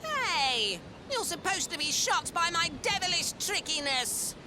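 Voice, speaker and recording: An actor voicing a small, mischievous devil monster in a video game, shrill and cackling, with a boastful theatrical manner. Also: very animated, measured pace, noisy background, full character voice. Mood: indignant menace. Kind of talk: exaggerated video game voice acting. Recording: loud game music behind.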